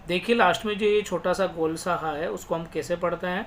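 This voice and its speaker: A man teaching an online Urdu reading lesson, reading single words slowly and then explaining them in a casual, patient way. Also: high-pitched, fairly even intonation, a bit bright, a little hiss or hum. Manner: casual, reassuring teacher talk.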